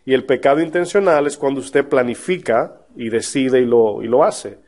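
This is a male pastor with a mid-range voice teaching a Bible study live, at normal speed. The delivery is easygoing and conversational, and he keeps checking in with the audience through questions.

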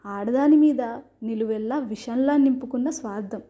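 A woman's voice: fairly high pitch, moderate pace, mellow, lightly acted. A woman voicing a proud, defiant young bride in a storybook reading, firm and indignant.

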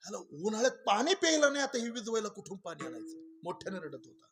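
High-voiced preacher with wide swings. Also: male voice, sing-song, fast talker. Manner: swings between loud exclamations and hushed asides, addresses listeners as "deva". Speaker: kirtankar preacher. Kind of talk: Marathi kirtan sermon with storytelling.

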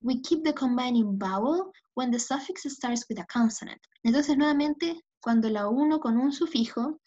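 A woman's voice: sits high, moderate pace, dark tone, breathy edge. Bilingual woman teacher, lo-fi sound. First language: Spanish. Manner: explains in English then repeats in Spanish, often checks with "¿ok?". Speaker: English teacher. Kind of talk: bilingual recorded lecture. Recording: dull lo-fi lecture audio.

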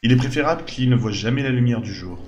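A man's voice: medium pitch, expressive, fast talker, highs cut off, natural voice. A man voicing an earnest, learned excavator who explains things formally in a fantasy video game. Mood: grave. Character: earnest male scholar excavating ruins, sober, learned.

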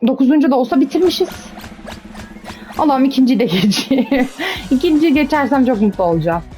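A woman's voice: high voice, expressive, brisk, mellow, faint music behind. A young woman giving casual commentary on her own gameplay, cheering herself on and getting exasperated. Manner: chatty, self-cheering, exasperated at the game. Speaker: gaming streamer.

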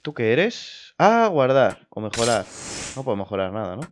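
A man's voice: medium pitch, moderate pace. Guy doing let's play commentary, jumpy and swears a lot, faint noise behind. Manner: excitable, swears, laughs at scares. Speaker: gamer.

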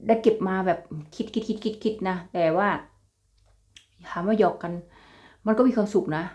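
A young woman vlogger with a Northeastern Thai Isan accent chats casually in a medium-pitched, darkish voice at a normal speed, sitting in a middle register for a woman. She talks freely and familiarly, calling her viewers brothers and sisters and laughing often.

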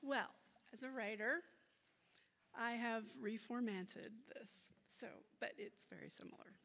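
Slow American woman, American-accented Spanish, reverberant hall. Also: fairly high pitch, a bit bright. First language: English. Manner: slow, deliberate delivery with careful non-native Spanish. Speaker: poet reading own work. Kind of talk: bilingual poetry reading in English and American-accented Spanish. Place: auditorium stage at a podium. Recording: echoey hall with long reverb.

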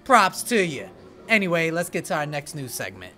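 A man hosting an entertainment news show, talking in an animated, chatty way with playful asides. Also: a little high, normal speed, over loud music. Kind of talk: energetic entertainment news chat.

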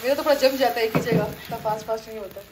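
A chatty young woman from India narrating a home vlog on a phone camera, pitched a little high. She walks viewers through the garden and kitchen, talking to them and her family as she films. A faint hiss of background noise sits under her voice. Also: fairly even intonation, rapid-fire. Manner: chatty, talks to viewers and family while filming. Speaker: family vlogger.

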